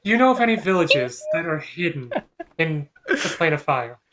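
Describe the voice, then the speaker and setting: A woman playing a tabletop role-playing game, asking earnest, halting questions in character. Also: low-pitched, very animated, background noise. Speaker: player.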